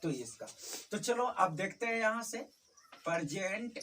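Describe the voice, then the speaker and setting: Her mid-range voice swings widely in pitch and sounds fairly bright, moving at normal speed while she tutors a class in a tuition classroom. She says every term again and regularly confirms the students are with her, all captured by a distant mic with slight background noise.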